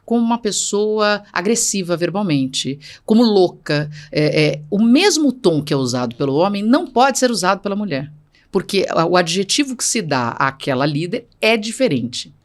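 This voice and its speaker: A woman's voice: mid-range voice, big pitch swings, moderate pace. A middle-aged woman speaking as a guest in an interview, emphatic and assertive, repeating points for stress. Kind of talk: conversational interview.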